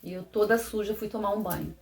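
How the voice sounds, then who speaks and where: A woman with a Brazilian Portuguese accent giving a personal testimony to camera, halting and repeating phrases, often dropping to a soft low voice. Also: gravelly. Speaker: vlogger. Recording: roomy echo.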